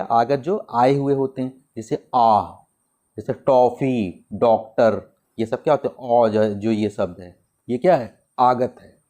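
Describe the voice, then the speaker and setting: A male teacher with a Hindi accent giving an exam-prep grammar lesson, putting questions to the class and answering them himself, spelling out sounds slowly and repeating them. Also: medium pitch, a little mellow.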